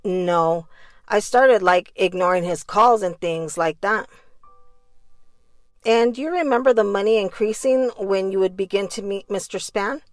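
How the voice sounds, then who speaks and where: Slow-paced woman reading courtroom testimony. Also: medium pitch, no echo, faint music behind.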